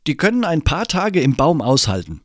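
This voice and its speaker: A man's voice: a little high, sing-song, normal speed, dry recording, studio quality, pitched above the performer's own voice. A man voicing a ten-year-old boy who lectures his friends like a know-it-all. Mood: smug. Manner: smug, lecturing.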